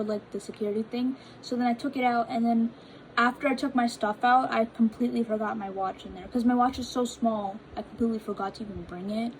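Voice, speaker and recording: A young woman reacts to confessions in loose, chatty talk, packed with fillers and small restarts. Her voice sits a little high. A faint hiss of noise runs under the recording. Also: poor audio. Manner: chatty, filler-heavy, stumbles over reading. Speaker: vlogger reading confessions. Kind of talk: casual chat reacting to read-out posts.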